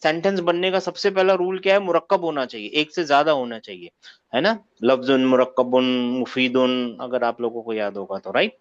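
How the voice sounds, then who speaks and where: A man's voice: mid-range voice, steady tone, moderate pace. A man teaching an online grammar class, often asking his students to confirm they follow. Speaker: Arabic teacher. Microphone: video call. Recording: muffled lo-fi call audio.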